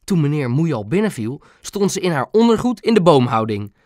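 A man narrating a children's storybook in an expressive, animated storytelling manner. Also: fairly high pitch, normal speed, no echo. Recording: dry close recording.

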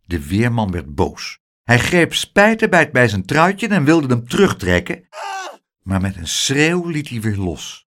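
A man reading a children's storybook aloud in a lively, expressive way. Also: mid-range voice, a little slow.

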